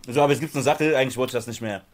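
A man's voice: medium pitch, rapid-fire. A man talking casually in a panel chat.

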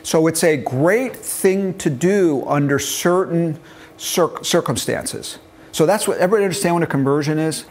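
Speaking at a moderate pace in a fairly high voice, a male financial planning instructor in his early sixties leads a casual class on retirement money. A lapel mic picks him up in a meeting room where a group sits listening as he walks through each step and checks they understand.

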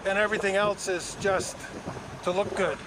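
A man's voice: high voice, flat delivery, normal speed. An older man giving casual sailing instruction on a boat under way, explaining patiently with some hesitant fillers. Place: outdoors on a sailboat under way in wind. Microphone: action camera mounted on the boat. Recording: windy outdoor boat recording. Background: wind noise and water.

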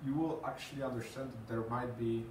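A Polish man in his thirties gives a presentation to a small group in a small meeting room with green walls and a screen, hesitating with lots of fillers and repeated words. His mid-range voice runs a little fast with fairly even intonation, over some background noise. A distant camera with no visible mic captures him, so the room sounds echoey and far off.

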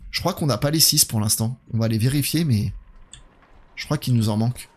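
A man's voice: medium pitch, a little fast, darkish tone. A man streaming a horror game live, thinking aloud and talking to his viewers in a chatty way. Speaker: gaming streamer. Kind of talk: live let's play commentary.

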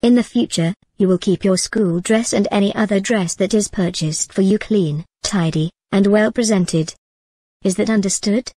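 A woman's voice: mid-range voice, normal speed, mellow, slightly rough, no room sound, close to an everyday voice. A woman voicing a strict older nanny who scolds in a clipped, commanding manner. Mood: stern.

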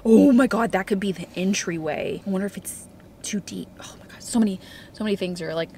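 A young woman vlogging to a handheld camera, chatty and excitable, talking in a car and outdoors. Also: medium pitch, brisk, slight background noise. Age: young adult. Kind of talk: casual vlog chat. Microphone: handheld camera at arm's length.

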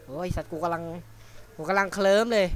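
A man doing let's play commentary on a horror game, jumpy and excitable, swearing often. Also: sits high, fast. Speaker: gamer.

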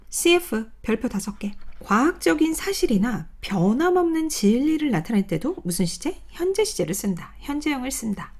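A woman teaching an English grammar lesson in Korean, asking her class questions and then answering them herself as she drills through word lists. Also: mid-range voice.

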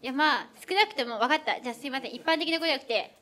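Fast, bright-voiced chatty woman. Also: sits high. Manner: chatty, acts out quoted exchanges. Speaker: co-author and presenter. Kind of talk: lively event talk.

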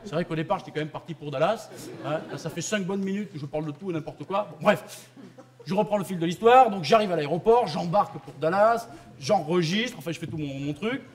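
A man's voice: sits high, brisk. A young man from France doing stand-up comedy on a theatre stage, mocking and conversational. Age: young adult. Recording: live theatre, loud audience laughter.

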